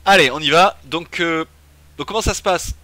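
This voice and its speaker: Man, casual let's-play streamer, bright and slightly high voice, thinks aloud with fillers. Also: normal speed, dry recording. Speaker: game streamer.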